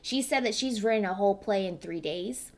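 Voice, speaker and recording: A woman's voice: medium pitch, a little fast. A young woman hosting a casual interview over a video call, informal and encouraging with her guest. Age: young adult. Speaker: interviewer, host. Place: indoors before a cloth backdrop. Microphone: computer mic on a video call.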